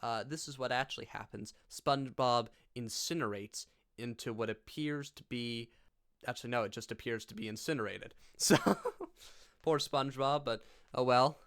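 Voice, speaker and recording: A man talking to camera in a casual reaction vlog, drifting from one silly aside to the next. His pitch sits in the middle range for a man. He chuckles often and keeps the chatter loose and offhand. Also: normal speed, a bit bright. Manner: goofy and rambling, laughs often. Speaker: YouTuber.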